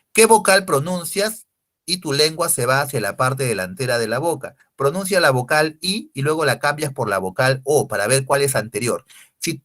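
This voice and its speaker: A man's voice: medium pitch, fairly bright tone. A man teaching a language lesson, explaining step by step and often checking with rhetorical questions. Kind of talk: recorded lecture.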